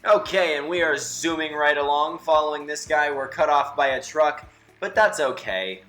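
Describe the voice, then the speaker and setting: A man's voice: on the high side, normal speed, a bit bright. Young guy narrating a drive, sarcastic and chatty, muffled since the mic's not near him, some music faintly behind. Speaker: vlogger. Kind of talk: casual driving vlog narration. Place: inside a car. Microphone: camera mic from a distance, muffled.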